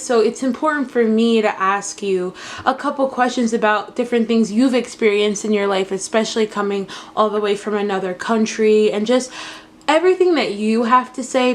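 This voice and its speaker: A college-age woman interviewing her father in a casual chat, talking loosely with "um" and "you know.". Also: a little high. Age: 20s. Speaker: interviewer, daughter.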